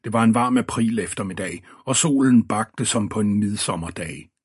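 Low husky male audiobook narrator. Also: no echo, studio quality. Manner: measured storytelling. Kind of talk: scripted narration.

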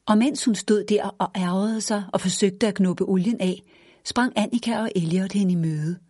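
A woman narrating a children's storybook in a gentle, even read-aloud manner. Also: medium pitch, no echo, studio quality.

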